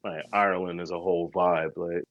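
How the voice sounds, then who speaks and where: This man, co-hosting a podcast, talks fairly quickly in a low, flat voice as he casually recounts travel stories, slangy and rambling. His recording is muffled, without echo.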